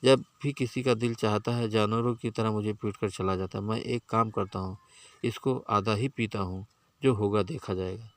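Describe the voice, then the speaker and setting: A man's voice: lowish voice, fairly even intonation, moderate pace, no echo, lightly acted. A man voicing a skinny village barber who grows furious and threatens his tormentors. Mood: uneasy. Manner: angry muttering, threatening. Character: skinny timid village barber turned enraged strongman.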